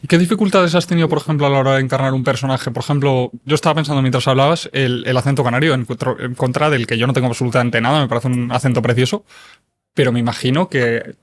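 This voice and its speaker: A man's voice: mid-range voice, steady tone, fast. A man interviewing a guest, attentive and murmuring agreement often. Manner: attentive, frequent backchannel murmurs. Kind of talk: conversational interview.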